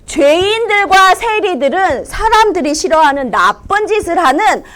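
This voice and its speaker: A young woman teaching preschoolers in a church classroom, telling the story in a high, lively voice. She exaggerates and questions the children as she goes, and her pitch swoops up and down. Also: moderate pace.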